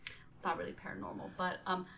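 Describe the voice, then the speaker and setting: A woman's voice: on the low side, flat delivery, brisk, vocal fry, pushed and bright, slight background noise, poor audio. A young woman hosting a casual podcast, chatting and rambling with lots of fillers and giggles. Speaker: podcast host.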